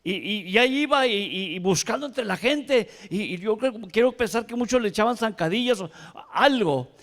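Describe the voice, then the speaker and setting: Animated man preaching, high voice. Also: normal speed. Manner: animated preacher with frequent "¿sí?" checks to the congregation; switches between soft asides and loud emphatic passages. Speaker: pastor. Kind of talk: sermon. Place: church sanctuary. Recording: long reverb of a church hall.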